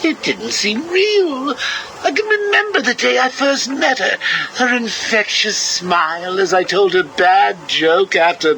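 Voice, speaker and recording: An actor playing a manic, mocking villain clown, heard played back from an old interview tape. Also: male voice, a little high, vocal fry, bright, forceful tone, full character voice, rough recording. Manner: sarcastic, sing-song, cackling. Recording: hissy cassette tape recording.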